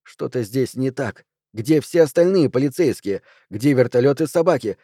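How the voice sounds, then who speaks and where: A man narrating a first-person thriller audiobook in a tense, measured way. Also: mid-range voice, animated, warm tone, slightly rough, no room sound, clean studio sound.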